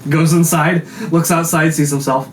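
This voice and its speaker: A man's voice: fairly high pitch, fairly even intonation, normal speed. A man co-hosting a casual film review conversation. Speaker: film review show co-host. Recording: echoey room, off-mic, faint noise.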